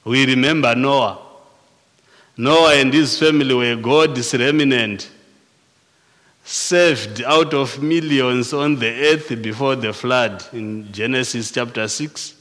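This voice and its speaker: A male pastor with a Zimbabwean accent preaches a sermon slowly and deliberately, often restarting and repeating words mid-phrase. His mid-range voice is a bit bright, and a long reverb surrounds it, as in a church hall.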